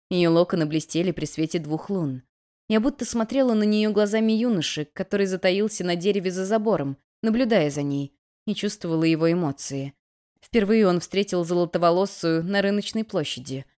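A woman reads a first-person fantasy story with lively, expressive delivery. Her voice sits a little lower than most women's. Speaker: audiobook narrator.

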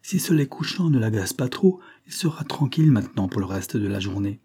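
A man's voice: fairly low pitch, sing-song, brisk, dark tone, breathy edge, exaggerated voice. A man voicing a shrewd, orderly police agent. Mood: calm, explaining. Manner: cool, reproachful and lecturing.

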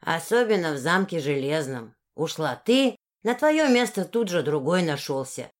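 A woman's voice: low-pitched, sing-song, normal speed. A woman voicing a grumpy old peasant woman who scolds bluntly in a rustic way, in an audiobook. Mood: gruff. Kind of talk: audiobook character voice.

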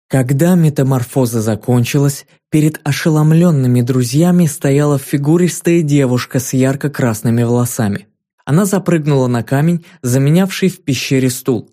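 A man narrating a children's fantasy audiobook in a measured, dramatic storytelling manner. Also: fairly high pitch, mellow. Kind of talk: scripted narration.

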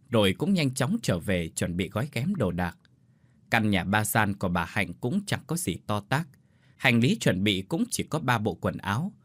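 Man reading a ghost story, lively. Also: fairly low pitch, no echo. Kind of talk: scripted ghost story narration.

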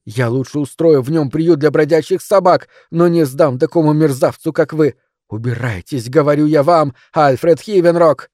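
A man's voice: fairly high pitch, normal speed, no echo, studio quality, close to an everyday voice. A man voicing a furious young woman. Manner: shouting, indignant. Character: outraged young woman, fierce and indignant.

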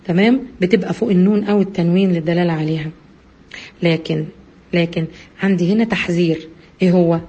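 A woman with an Egyptian Arabic accent teaching recitation rules, asking her listeners questions and answering them herself. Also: a little mellow. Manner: asks and answers own questions, many fillers. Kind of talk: explanatory lesson, addresses listeners directly. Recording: husky low-bitrate radio-quality audio.

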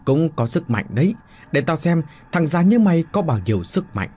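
A man voicing a mocking, bloodthirsty demon spirit in a horror story, taunting and menacing, his voice dark and husky. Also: on the high side, very animated, moderate pace, pitched above the performer's own voice.

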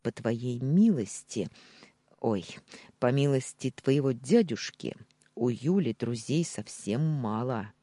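A man voicing a blunt, gruff male friend who scolds curtly in an audiobook. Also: medium pitch, animated, takes it slowly, dark tone, no room sound. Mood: scolding. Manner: curt, scolding.

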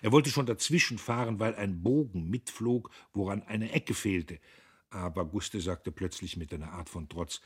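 A man with a very husky voice reading a literary novel aloud as an audiobook narrator, measured and dramatic. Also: lowish voice.

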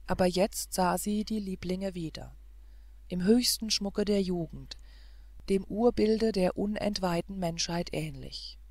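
A woman reads an old fairy tale aloud for an audiobook. Her storytelling is calm and measured, and her pace is very slow. The recording sounds dry and close. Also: medium pitch, no room sound. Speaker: audiobook narrator. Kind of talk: scripted fairy-tale narration.

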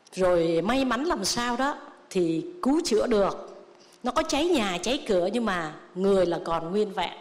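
Nun preaching in a reverberant hall. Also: female voice, medium pitch. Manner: storytelling with lively quoted dialogue. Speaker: Buddhist nun giving a dharma talk. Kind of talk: sermon.

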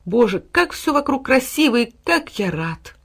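A woman reading a fairy tale aloud, voicing an eager, excitable little boy who exclaims with wide-eyed delight. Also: a little high, brisk, pitched above the performer's own voice. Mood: wondering.

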